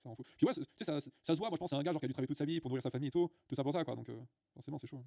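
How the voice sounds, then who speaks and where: A man's voice: a little high, very fast, creaky, warm tone, no room sound, studio quality. A man hosting a livestream, ranting bluntly to his viewers with many filler sounds and restarts. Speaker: livestream host. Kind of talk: casual livestream rant.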